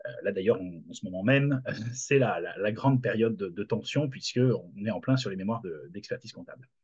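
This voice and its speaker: A man's voice: on the low side, normal speed, a little mellow, breathy edge. A middle-aged man, a lecturer, introducing his new channel in casual talk, hesitant with many fillers and restarts, recorded over a video call. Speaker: university lecturer launching a channel. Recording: dull lo-fi video call audio.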